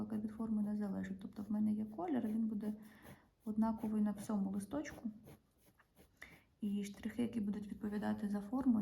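A woman art teacher with a Ukrainian accent calmly explains each pencil stroke of a drawing as she works, often dropping to a half-whisper. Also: medium pitch, vocal fry, slight background noise, rough recording. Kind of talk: drawing lesson narration.

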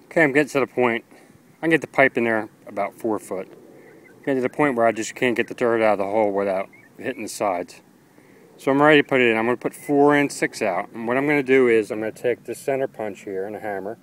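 A man's voice: medium pitch, fast talker, rough recording. A man casually narrating a how-to project in his backyard, talking plainly through each step with fillers, at times out of breath from digging. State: tired, catching his breath. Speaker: amateur radio hobbyist, DIY video maker. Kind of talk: casual how-to narration while working outdoors. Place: backyard outdoors.

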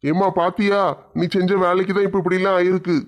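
A woman voicing an angry young man who demands to see his fiancée, in a gruff, demanding way. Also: fairly low pitch, level tone, quick pace, pitched below the performer's own voice, lightly acted.

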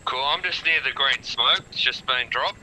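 A man's voice: medium pitch, moderate pace, pushed and bright, rough recording. A man calling in over a game's team radio through static bursts, talking in an unsure, hesitant way and repeating himself. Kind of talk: casual gameplay radio chatter.

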